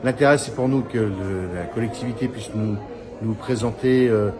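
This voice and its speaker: A middle-aged man speaking for a job agency in a formal, halting way with fillers. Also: lowish voice, heavy background noise. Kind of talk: formal interview statement. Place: large council chamber indoors. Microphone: phone camera held close. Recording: crowd chatter in a hall.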